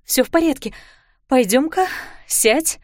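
A woman's voice: sits high, lively intonation, a little slow, no room sound, pitched above the performer's own voice. Woman reader doing a controlled, commanding-but-tender stepmother; slightly raised voice, dry close sound. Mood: soothing. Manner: coaxing, then commanding. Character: firm, soothing young stepmother.

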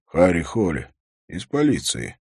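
A man's voice: low-pitched, huge pitch swings, a little slow, creaky, darkish tone, husky, dry recording, clean studio sound, heavily acted. A man voicing a terse, reserved police detective.

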